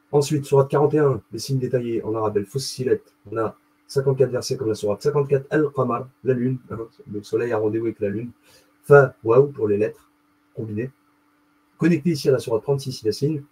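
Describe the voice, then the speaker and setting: A man talks in a loose, rambling monologue, spelling out letters and checking in with his listeners again and again. His voice is husky and soft-edged, with a dark, mellow tone. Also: mid-range voice, poor audio. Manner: rambling, familiar, often asks "d'accord?"; spells out Arabic letters and words. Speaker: video host explaining letter symbolism. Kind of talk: casual explanatory monologue.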